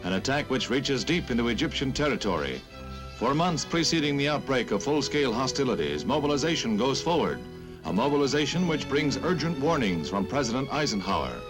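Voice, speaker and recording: A man's voice: medium pitch, very animated, fairly quick. An American man narrating a 1950s newsreel in a dramatic, punchy announcer's delivery. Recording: old newsreel soundtrack under loud music.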